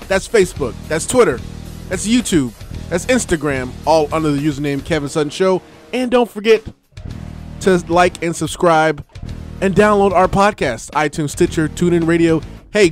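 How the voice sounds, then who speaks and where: Upbeat high-voiced radio host man. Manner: animated, laughs often, hype announcer delivery. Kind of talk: casual sports radio chat.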